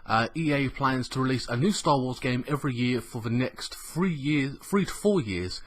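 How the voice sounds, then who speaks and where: A man with a slightly croaky, under-the-weather voice, hosting a casual gaming news vlog in a rambling, colloquial, sweary way. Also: mid-range voice, lively intonation, normal speed, a little hiss or hum. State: ill with a cough. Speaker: gaming news show host.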